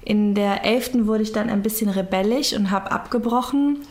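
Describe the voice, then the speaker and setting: A woman's voice: medium pitch, moderate pace, darkish tone. Candid woman in her thirties. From Germany. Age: 30s. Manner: candid, reflective. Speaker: interview guest. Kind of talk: conversational interview.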